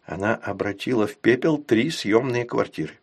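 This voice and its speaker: A man's voice: medium pitch, moderate pace, breathy edge. A man voicing a sly, fussy older man with a sneering, nervous manner in an audiobook. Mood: agitated.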